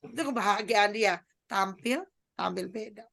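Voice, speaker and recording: A woman doctor giving a chatty parenting seminar, lively and acting out quoted voices as she explains. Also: medium pitch, moderate pace, vocal fry.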